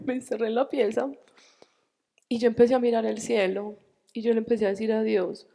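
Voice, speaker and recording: A woman in her forties with a Colombian accent, telling a personal faith testimony at a church retreat, animated and acting out the dialogue. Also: on the high side, normal speed, vocal fry, in a large hall. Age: 40s.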